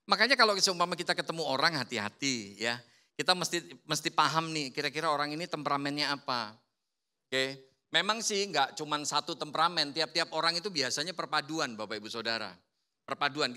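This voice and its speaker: A man preaching a sermon, telling playful stories and acting out quotes. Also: fairly high pitch. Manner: lively, playful storytelling with acted-out quotes. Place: church service.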